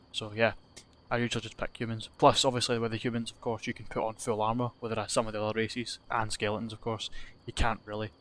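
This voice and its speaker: Casual swearing runs through the rambling, self-deprecating game commentary of this young Scottish gaming YouTuber. He speaks with a mid-range, fairly bright voice.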